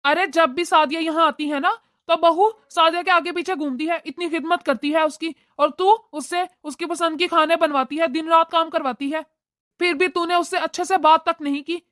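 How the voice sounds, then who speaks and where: This is a scolding cartoon father, voiced by a woman. He lectures his wife and daughter in a very high, bright voice. The sound is dry and close to the mic. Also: steady tone, moderate pace, dry recording. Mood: lecturing. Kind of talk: cartoon voice acting.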